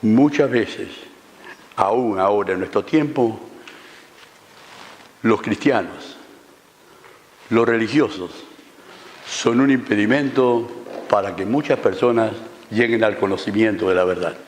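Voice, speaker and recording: A man's voice: on the low side, takes it slowly, long pauses, a little hiss or hum. A man preaching a sermon, telling the story and asking the congregation questions. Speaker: pastor. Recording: reverberant church hall.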